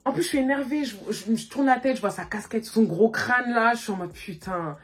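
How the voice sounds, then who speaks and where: A woman vlogger telling a story in a casual, animated way, talking loosely and full of filler words, recorded on a phone. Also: on the high side, a little fast. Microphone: phone camera.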